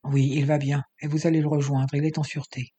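A man reading an audiobook, voicing a disguised male rescuer who gives quick instructions in a hushed, reassuring tone. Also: a little high, little pitch movement, slightly rough. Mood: hushed firm. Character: disguised male rescuer posing as a prison guard, urgent and calm.

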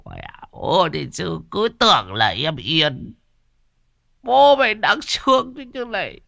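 A man's voice: fairly low pitch, wildly swooping pitch, a little slow, no room sound, clean studio sound, heavily acted. A man voicing a crude, drunken, boastful old village man who curses and shrieks. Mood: shrieking disgust. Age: older.

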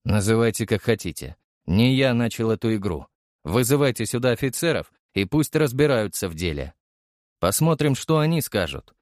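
A man narrating an audiobook in a lively storytelling style, acting out the characters' voices. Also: mid-range voice, moderate pace, dry recording, clean studio sound.

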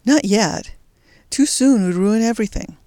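A reader voices a daring young resistance fighter who speaks briskly and with determination, yet stays tender with his sweetheart. The natural, medium-pitched, darkish voice is recorded clean and dry with no room sound, like a close storybook reading of an audiobook character.

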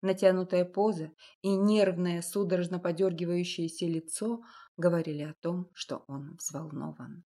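A woman reading a historical romance novel aloud in measured scripted narration. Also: lowish voice, fairly even intonation, mellow. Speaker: audiobook narrator.

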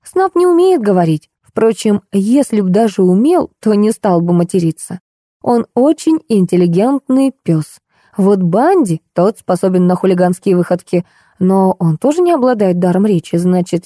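A woman narrates a novel in a lively, ironic storytelling manner. Her voice is mellow and warm at a mid pitch, recorded close and dry like a studio audiobook. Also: moderate pace, dry recording. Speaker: audiobook reader. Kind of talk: scripted narration.

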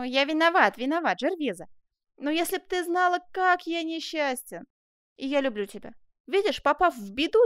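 A woman playing a loud, rash young man. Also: sits high, dry recording, clean studio sound, pitched above the performer's own voice. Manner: exclaiming, agitated.

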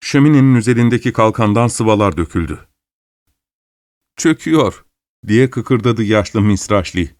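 A man narrating a literary story in a measured, even reading. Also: on the low side, dry recording, clean studio sound.

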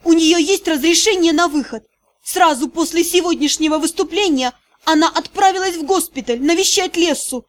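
Woman doing a teenage girl, sixteen, shrill, screaming, very high voice, desperate, audiobook. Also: normal speed. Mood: defiant. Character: desperate proud sixteen-year-old girl, hysterical. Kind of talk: audiobook reading.

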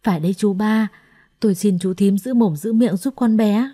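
A woman's voice: medium pitch, normal speed, warm tone, breathy edge, lightly acted. A woman voicing a fussy, theatrical older sister-in-law who wails dramatically in a storybook reading. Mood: wailing. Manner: wailing, dramatic.

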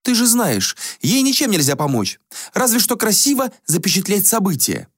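Man voicing a snooty young prince, high affected voice, lively swoops, mocking. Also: moderate pace, slightly rough, no room sound, clean studio sound, heavily acted. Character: young male prince and artist, vain, flippant and rude.

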